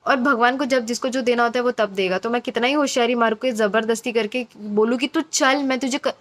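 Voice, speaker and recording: A woman's voice: a little high, fairly even intonation, a little fast. A woman giving a casual, encouraging intuitive reading to her viewers, chatty and repeating phrases for emphasis. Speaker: intuitive card reader.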